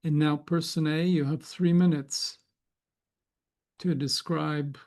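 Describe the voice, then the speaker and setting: Slow gravelly man guiding a meditation. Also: fairly high pitch. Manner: slow, calm, gently paced prompts. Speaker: host and meditation guide.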